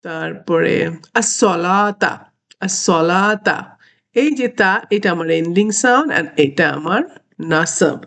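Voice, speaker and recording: A woman teaching Quranic Arabic grammar in an online lesson, stretching out each Arabic word slowly and deliberately and slipping English terms into her explanations. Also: lowish voice, fairly bright tone. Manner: slow, deliberate, drawn-out Arabic words, mixing English terms.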